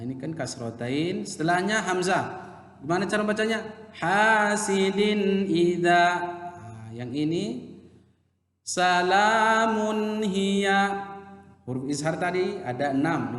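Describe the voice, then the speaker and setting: A man teaching children Quran recitation rules in a casual lesson, who explains slowly, then chants the verse examples in a drawn-out recitation tone and trails off into quiet asides. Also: a little high. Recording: echoey room with long reverb.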